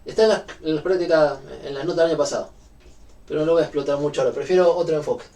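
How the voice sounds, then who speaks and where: A man's voice: fairly high pitch, rapid-fire, warm tone, distant mic. A man with a Rioplatense Spanish accent giving a university physics lecture, explaining step by step with frequent fillers.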